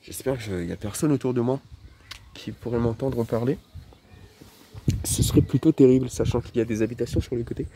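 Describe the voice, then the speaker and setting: A man speaking through a face mask in a casual, rambling vlog, with a halting, wry, grumbling delivery. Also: mid-range voice. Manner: halting, hesitant, wry grumbling with mild swearing. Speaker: video creator talking to followers. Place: outdoors by a roadside bus stop. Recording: loud outdoor street and vehicle noise.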